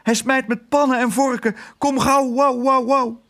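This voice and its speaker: A nervous barking dog. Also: male voice, very high-pitched, level tone, measured pace, fairly bright tone, slight background noise, voice pushed up, heavily acted. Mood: urgent. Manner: urgent, barking.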